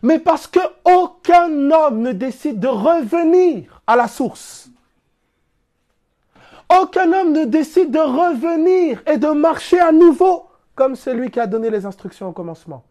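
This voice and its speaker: Speaking unhurriedly, a Frenchman with a very high, dark-toned voice and lively intonation teaches on spiritual matters. Rhetorical questions and everyday examples fill his plainspoken, casual explanations.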